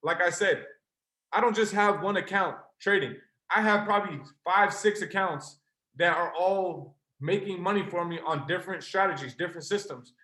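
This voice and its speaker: A young man pitching to a webinar audience with earnest passion, addressing his listeners directly. His voice sits a little high and sounds bright and forceful. The audio carries a roomy echo. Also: moderate pace. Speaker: trading mentor presenting to a live call. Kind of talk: motivational sales pitch on a webinar.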